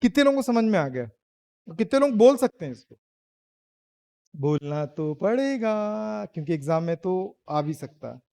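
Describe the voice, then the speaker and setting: Male physics teacher, high voice, playful, prods students to answer. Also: sing-song, normal speed, a little mellow, dry recording. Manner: teasing, quizzing students, laughs often. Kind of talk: classroom lecture. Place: classroom.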